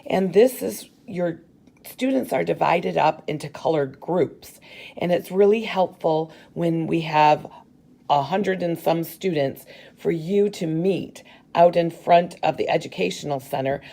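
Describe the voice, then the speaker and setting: A woman teacher with a low, gravelly voice talks parents through the plan in a slow, measured way. She sounds middle-aged and speaks carefully, pausing between phrases like someone giving clear instructions. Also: warm tone. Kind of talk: recorded briefing for parent volunteers.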